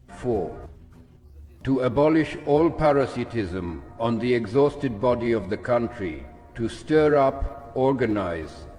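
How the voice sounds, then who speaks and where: A man delivers a formal political speech at a very slow, deliberate pace. His voice rings in a long hall reverb, with music playing behind him. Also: medium pitch, dark tone. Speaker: speech reader. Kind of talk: formal political speech read aloud in English translation.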